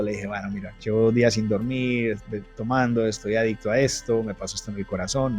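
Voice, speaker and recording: A man telling his personal testimony in an interview, earnest and full of restarts. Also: mid-range voice. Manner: earnest storytelling, frequent restarts.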